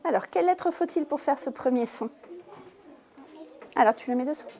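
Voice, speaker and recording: A woman teacher giving a lesson to young pupils in a classroom, speaking slowly and clearly and stressing each syllable. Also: sits high, animated, mellow. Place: primary school classroom.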